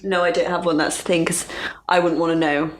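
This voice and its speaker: A young woman chats casually as a podcast co-host, her voice a little low. She muses and hesitates as she talks, with faint noise behind her. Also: flat delivery, a little fast. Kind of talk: casual chat.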